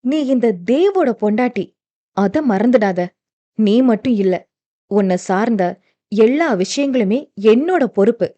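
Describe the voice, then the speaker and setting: A woman voicing a protective young husband who reassures his wife in a firm, steady voice. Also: on the high side, unhurried, no room sound.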